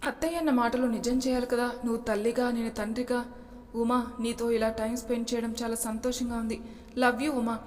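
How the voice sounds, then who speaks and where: A woman's voice: a little high, steady tone, a little fast, darkish tone, long reverb tail, natural voice. A woman doing an evasive young husband. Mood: affectionate.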